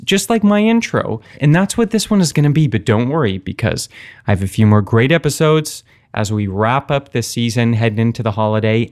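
A man with a medium-pitched voice hosts a comedy podcast. He moves between scripted announcer lines and casual asides, often interrupting himself. His delivery is playful and wry. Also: darkish tone. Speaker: podcast host. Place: basement away from usual home setup.

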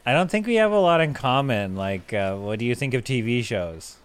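A man's voice: mid-range voice, animated, brisk, clear, resonant tone, close to an everyday voice. A man playing a flustered, gushing mall worker in a comedy sketch, rambling and dramatic. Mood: awkward.

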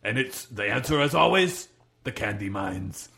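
Excitable podcast stepdad played by a man, mock-earnest and gushing, with a creaky edge. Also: medium pitch, moderate pace, heavily acted. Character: doting, excitable stepfather hosting a Halifax podcast. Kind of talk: improvised comedy podcast banter.

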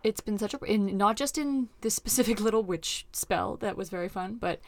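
This comedian hosts a casual chat show as a podcast host, her voice medium in pitch and moderate in pace. She talks in a slangy, exclamatory style and swears plenty.

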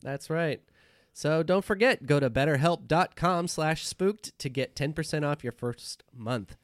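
A man's voice: unhurried, no echo, studio quality. A man doing an upbeat podcast ad read. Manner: upbeat sales pitch.

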